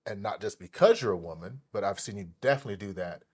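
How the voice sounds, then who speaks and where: A man hosting an interview show, talking with animated enthusiasm and lots of fillers and restarts. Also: lowish voice, quick pace, husky. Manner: animated, hyped delivery with many fillers and restarts. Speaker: podcast host.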